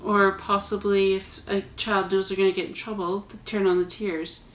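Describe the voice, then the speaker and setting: A woman's voice: medium pitch, level tone, moderate pace, reverberant. A woman hosting her own vlog, talking casually and earnestly to her viewers with chatty asides. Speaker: vlog host. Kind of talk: casual spoken reflection to camera.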